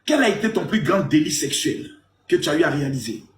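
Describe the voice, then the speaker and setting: Man, 40s, high voice, crude teasing streamer, roomy sound with faint noise. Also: sing-song, fast talker. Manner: crude, teasing, mock-indignant, swings loud and low. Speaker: live stream host. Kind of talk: provocative live stream banter.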